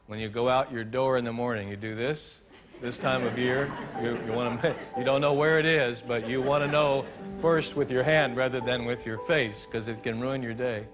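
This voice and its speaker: A man's voice: medium pitch, steady tone, moderate pace, over music. A man giving a live storytelling talk on stage, playful at times and reflective at others. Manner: playful, leads the audience in gestures and song; reflective, builds to earnest points. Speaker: storyteller and speaker. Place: stage before a live audience.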